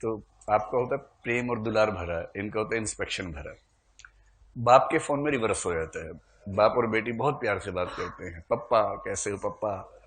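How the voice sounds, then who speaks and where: A man's voice: lowish voice, normal speed, a bit bright. Chuckling male literature teacher lecturing. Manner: explains patiently, with humorous asides and chuckles. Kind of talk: classroom lecture.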